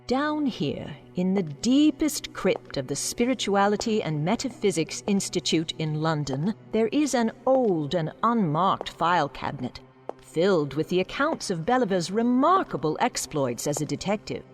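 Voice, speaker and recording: Faint music plays behind a woman voicing a mysterious female guide who narrates dark tales from a crypt in a radio drama. Her fairly low voice is sing-song and moderately paced, and her theatrical delivery is mysterious and inviting.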